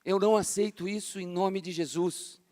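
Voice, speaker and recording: Brazilian pastor guy in his 50s, high-ish voice, fervent and chatty, big church echo. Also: fairly even intonation, moderate pace, warm tone. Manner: fervent, casual, says "cara" a lot. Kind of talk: sermon. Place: large church hall. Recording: long hall reverb.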